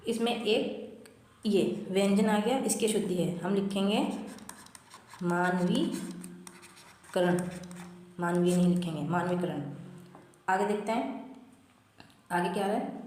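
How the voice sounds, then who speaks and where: A woman teaching Hindi spelling, patiently repeating words slowly syllable by syllable as she writes. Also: mid-range voice, a little mellow, slight background noise. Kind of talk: explaining spelling mistakes while writing. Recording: very echoey room with long reverb.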